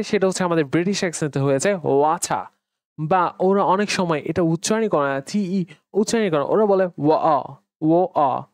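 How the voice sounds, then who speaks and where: A man's voice: a little high, no echo, studio quality. A male English grammar instructor giving a classroom lecture, drilling pronunciation and asking and answering his own questions. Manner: drills pronunciation, repeating letters slowly; mixes English words into explanations, asks and answers own questions.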